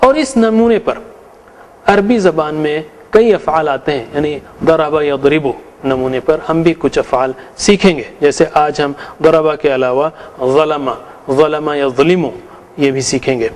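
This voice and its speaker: A middle-aged male teacher gives a grammar lesson in a patient, explanatory way. His voice sits a bit on the high side. He walks through conjugations in measured, recited drills. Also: darkish tone. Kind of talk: explanatory lecture.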